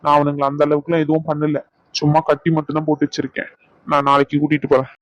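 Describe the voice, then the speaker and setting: A man's voice: a little high, monotone, quick pace, no room sound, dull audio, natural voice. A man voicing a stubborn, vengeful young doctor in a cartoon, speaking in a defiant, insistent way. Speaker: voice actor. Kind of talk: cartoon dub acting.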